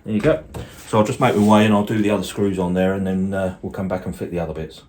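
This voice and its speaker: Low-voiced man rambling through a hobby vlog. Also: quick pace, noisy background. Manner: relaxed, rambling, lots of fillers. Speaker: model railway hobbyist host. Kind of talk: casual workshop vlog. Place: indoors at a dining room table layout.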